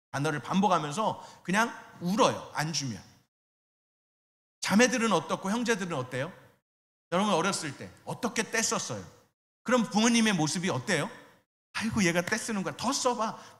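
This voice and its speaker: A man's voice: high voice, fairly bright tone, long reverb tail. A middle-aged male pastor preaching a sermon in a church, asking his listeners questions and acting out quoted voices. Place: church sanctuary.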